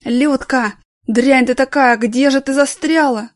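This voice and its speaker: A bitter, drunken former stage actor bellows and slurs his grievances, put on by a woman reader. His voice sits high and loud with a dry, close sound. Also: unhurried, no echo. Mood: drunken bellowing. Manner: slurred, shouting, self-pitying. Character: drunk bitter male ex-theatre actor, middle-aged.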